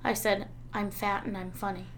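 A woman's voice: mid-range voice, level tone, normal speed, fairly bright tone, a little hiss or hum. A woman in her thirties co-hosting a casual podcast chat, candid and self-mocking, swearing freely. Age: 30s. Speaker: podcast co-host.

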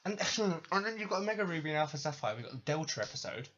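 A man rants his way through a comedy podcast, swearing often and sounding sarcastic and fed up. His voice is bright and a little husky, with pitch swooping widely, recorded on a dull lo-fi mic. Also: very animated, fast. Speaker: podcast host. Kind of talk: comedic rant.

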